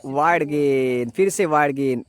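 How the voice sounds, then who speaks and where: A man commentates live on cricket in an excited style. His voice sits high for a male, and he announces each ball as it comes, leaning on familiar stock phrases. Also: measured pace, clean tone.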